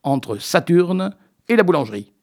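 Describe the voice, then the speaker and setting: A man's voice: a little high, very animated, a little slow, darkish tone. A man voicing an eccentric male amateur astronomer professor who explains nonsense with emphatic certainty. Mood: know-it-all.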